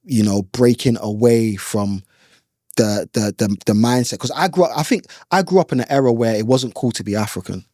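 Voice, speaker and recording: A man's voice: mid-range voice, a little fast, warm tone, dry recording, studio quality. A young man from Ghana with a London accent, a guest musician talking passionately in a casual conversation. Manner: passionate, vocal, uses slang like "bro" and "innit".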